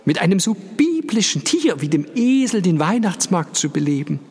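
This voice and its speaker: A man's voice: high-pitched, sing-song, moderate pace, a little mellow, slightly rough, voice pushed up, full character voice. A man voicing a chatty, gushing society lady in a fur-trimmed coat, in a storybook reading. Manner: gushing, sugary. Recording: long hall reverb.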